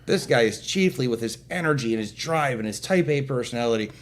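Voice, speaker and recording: A man's voice: medium pitch, expressive, a little fast. A man telling a long story in casual chat, jokey and self-deprecating, acting out quotes. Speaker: event organizer guest.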